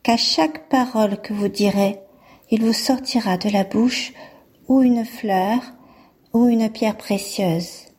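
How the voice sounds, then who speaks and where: A woman voicing a calm fairy who grants gifts in a read-aloud fairy tale, measured and unhurried. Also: fairly high pitch, slightly rough.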